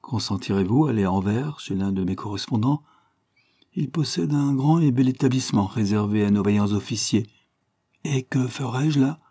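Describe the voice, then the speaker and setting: A man's voice: mid-range voice, normal speed, dark tone, dry recording, studio quality, natural voice. A man voicing a plump, scheming German businessman who talks brusquely and impatiently in an audiobook. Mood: sly.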